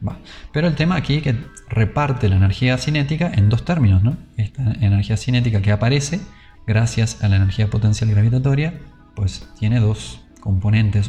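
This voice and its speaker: Mellow-voiced man lecturing on physics. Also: lowish voice. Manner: conversational, thinks aloud, checks in with "¿no?" and "¿sí?". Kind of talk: informal whiteboard lecture.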